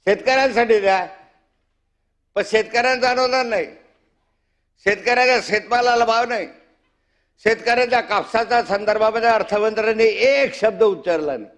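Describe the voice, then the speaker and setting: A man's voice: high-pitched, fairly quick, long pauses, a bit bright. A male legislator giving an impassioned, rhetorical assembly speech, accusing the government in a fiery tone. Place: state legislative assembly chamber.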